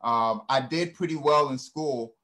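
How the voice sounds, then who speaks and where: A man's voice: medium pitch, a little slow, bright, forceful tone. A man from Ghana, speaking earnestly in a reflective, storytelling way and often checking in with "right?" and "you know". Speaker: guest speaker.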